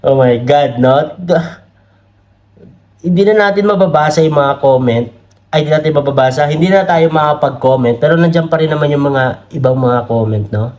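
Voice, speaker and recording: A man's voice: on the high side, moderate pace, darkish tone. A man with a Filipino accent giving casual political commentary, chatty and laughing often, reading comments aloud. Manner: chatty, laughs often, many tag questions; reads comments aloud from screen. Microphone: camera mic.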